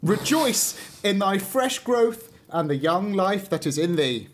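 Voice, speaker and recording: A man voicing a gentle sunbeam that speaks slowly and solemnly. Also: high-pitched, very animated, pitched above the performer's own voice, full character voice. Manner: slow, solemn.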